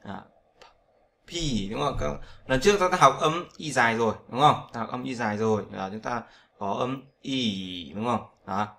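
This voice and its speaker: A man's voice: mid-range voice, normal speed, creaky, fairly bright tone. A man teaching English pronunciation in Vietnamese, repeating sounds and often checking with "right?". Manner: repetitive, drills sounds, asks "right?" often. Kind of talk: casual spoken lesson.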